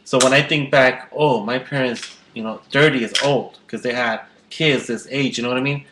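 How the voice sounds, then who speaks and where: A man's voice: medium pitch, fairly even intonation, normal speed, reverberant, background noise. A man in his twenties hosting a casual chat, rambling and restarting his sentences. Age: 20s. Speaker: host.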